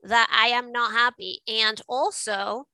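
A woman's voice: a little high, steady tone, unhurried, bright, forceful tone, clean tone, no room sound, rough recording. A middle-aged woman from Venezuela, a guest in an interview, telling her story in a reflective way with frequent restarts. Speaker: guest, art advisor. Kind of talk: casual interview.

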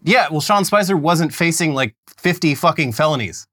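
A man's voice: fairly high pitch, animated, normal speed, bright, forceful tone. A man co-hosting a comedy podcast, ranting in mock outrage with sarcastic asides, then dropping to mumbles. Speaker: podcast co-host. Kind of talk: comedic political banter.

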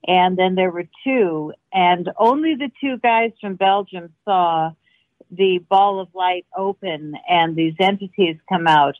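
A woman's voice: fairly low pitch, a little slow, no room sound. A woman guest telling anecdotes conversationally and emphatically over a narrow call line. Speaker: interview guest, filmmaker. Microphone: phone or call line. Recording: narrow tinny phone-like line.

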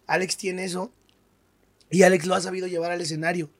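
Un hombre con acento mexicano, comediante invitado en una charla de pódcast, que cuenta historias con mucha jerga y énfasis. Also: male voice, sits high, flat delivery, brisk. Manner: slangy, emphatic storyteller. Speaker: stand-up comedian guest. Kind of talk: casual podcast interview.

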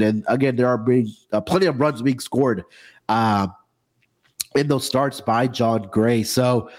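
A man hosting a casual sports betting talk, sounding under the weather with a froggy, congested voice. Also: medium pitch. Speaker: sports betting show host.

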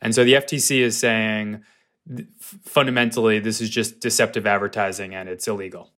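A man with an American accent explaining things conversationally as an interviewed reporter, halting and rephrasing as he goes. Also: on the low side, fairly even intonation, a bit bright.

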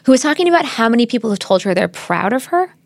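A woman's voice: a little high, very animated, quick pace, vocal fry, dry recording. Thoughtful woman guest in her thirties. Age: 30s. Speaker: guest author. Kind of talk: interview conversation.

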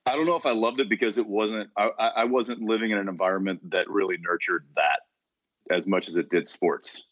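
A man from Texas, an actor being interviewed, talking in a relaxed, rambling way with frequent restarts. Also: fairly low pitch, brisk, dry recording, lo-fi sound. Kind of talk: casual interview conversation.

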